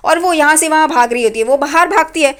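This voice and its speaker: Talking fast in a voice that sits high, a woman narrates a recap of a TV serial episode. She tells it in a loose, chatty way, returning again and again to the filler "here."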